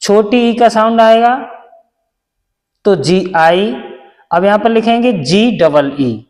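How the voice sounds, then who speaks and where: A man's voice: high voice, lively intonation, slow pace, darkish tone, in a large hall. A man teaching a basic lesson, patient and repetitive, asking questions and answering them himself. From India. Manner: patient, repeats each step, asks and answers own questions. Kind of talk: classroom lesson.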